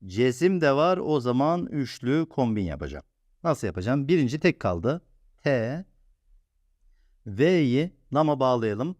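A man teaching a step-by-step reading lesson, patiently sounding out syllables and repeating them slowly for the learner. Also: medium pitch, big pitch swings, darkish tone, dry recording.

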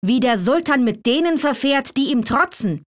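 A woman voicing a proud, aging male sultan who is quick to rage and given to commanding outbursts, in a storybook reading. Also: high-pitched, lively intonation, no room sound, voice pushed up. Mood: furious. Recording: dry close recording.

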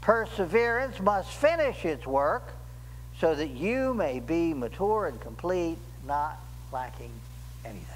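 An older man preaching a sermon as pastor in a church, slow and deliberate, rising emphatically on key words, recorded at a pulpit microphone. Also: fairly high pitch, big pitch swings, in a large hall, a little hiss or hum, low-quality recording. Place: church sanctuary.

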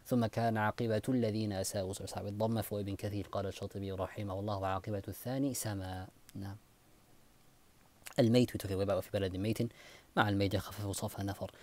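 A man teaching a lesson on Quran recitation differences, explaining in English, quoting and chanting Arabic verses, asking rhetorical questions and pausing with fillers. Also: fairly low pitch, steady tone, mellow. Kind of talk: recorded lesson comparing Quran readings.

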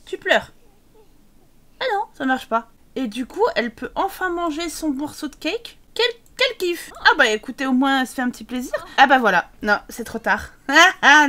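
A woman's voice: sits high, pushed and bright. A woman commenting on her video game, exclaiming and teasing the characters with mock exasperation and frequent laughter. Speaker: let's play gamer.

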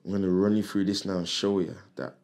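A man's voice: sits low, little pitch movement, quick pace, vocal fry, a little mellow. A man telling stories in a casual, slangy way as a podcast guest, often repeating himself. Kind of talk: casual storytelling chat. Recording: roomy echo.

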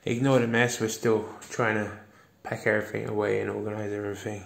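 A vlogger with a gravelly, lowish voice gives a casual walking tour of a property, narrating a little quickly with little pitch movement. He chats as he walks, pointing things out first outdoors on rural land and then inside a farmhouse. It's filmed on a phone camera held at arm's length.

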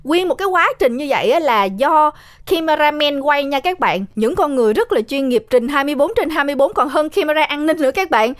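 A woman's voice: sits high, lively intonation, brisk. A young woman, retelling a horror film in a chatty way, talking straight to her listeners. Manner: chatty, addresses listeners directly. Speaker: storyteller recapping a horror film. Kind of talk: casual spoken retelling.

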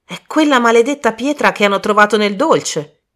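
A brash young man, as a woman narrator puts him on, quick to flare up. He talks loudly and indignantly. The voice rises somewhat above her own reading voice. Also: mid-range voice, breathy edge.

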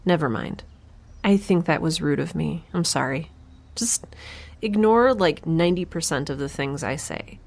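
A young woman with a deep, gravelly, slightly mellow voice gives a wry, chatty scripted monologue at normal speed. She is the solo narrator and protagonist of an audio drama, and her delivery is expressive.

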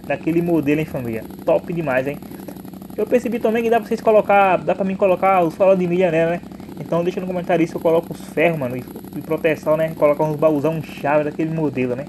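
A young man with a Brazilian accent talks fast and excitedly in a high voice, stacking slang and tag words as he hosts his own motorcycle vlog. A faint hiss and vehicle noise sit behind him. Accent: Brazilian Portuguese. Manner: hyped, slangy, repeats tag words like "né" and "hein". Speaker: motovlog host.

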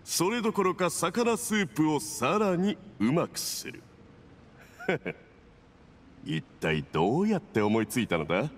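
A man's voice: on the high side, sing-song, a little slow, a little hiss or hum. A man voicing a smug, domineering villain envoy in an anime game, with a pompous, condescending and insinuating manner. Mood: condescending praise.

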